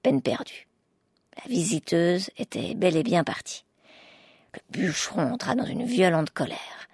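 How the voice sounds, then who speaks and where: A woman narrating a storybook tale in a measured, wry way. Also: fairly low pitch, animated, darkish tone, slightly rough, no room sound, studio quality.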